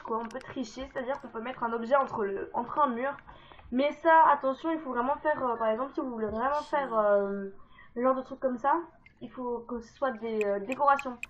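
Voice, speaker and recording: A woman's voice: sits high, fairly bright tone. A woman explaining game cheat codes in a casual, rambling let's-play, full of fillers and self-deprecating asides. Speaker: gaming video creator. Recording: dull lo-fi mic with faint noise.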